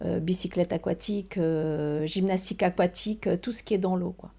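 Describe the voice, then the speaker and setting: An older woman speaks as an interview guest, her voice dark, mellow and gravelly with a touch of fry. She talks haltingly, filling pauses with ums and restarting her sentences. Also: on the low side, steady tone. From Portugal. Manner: hesitant, many fillers and restarts. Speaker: research scientist guest. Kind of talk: casual interview answers.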